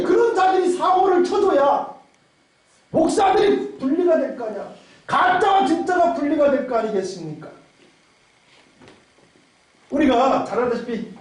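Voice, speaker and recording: A man delivers a sermon in a very high voice, pressing his points with repeated phrases and rhetorical questions. He sounds far from the microphone, and his words ring out through a heavily echoing church hall. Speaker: pastor. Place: church sanctuary.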